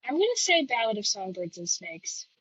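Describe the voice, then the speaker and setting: A woman's voice: medium pitch, big pitch swings, moderate pace, fairly bright tone, slightly rough, dry recording, poor audio. A woman guesting on a podcast, chatting casually with breezy, dry teasing. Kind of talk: casual chat.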